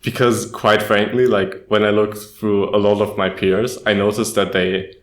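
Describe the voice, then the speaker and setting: Young guy from germany on a podcast, kinda low voice, slow and earnest, roomy echo. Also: flat delivery. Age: young adult. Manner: measured, earnest, says "quite frankly" often. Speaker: podcast co-host. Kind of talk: casual podcast chat.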